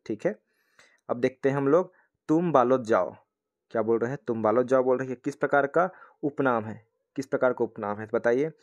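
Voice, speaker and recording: A man's voice: medium pitch, a little fast, muffled recording. Hindi teacher quizzing his class. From India. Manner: asks the class questions and answers them himself, says "thik hai" often. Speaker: exam-prep teacher. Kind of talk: explaining test questions in a lesson.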